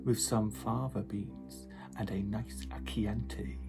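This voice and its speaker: A man playing a creepy, macabre horror ghoul who tells jokes slowly and deliberately. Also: fairly low pitch, little pitch movement, gravelly, music in the background. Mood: creepy deadpan.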